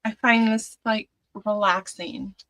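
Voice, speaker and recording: Woman, bright tense voice, slow halting speech, casual craft chat. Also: mid-range voice, steady tone, dry recording, poor audio.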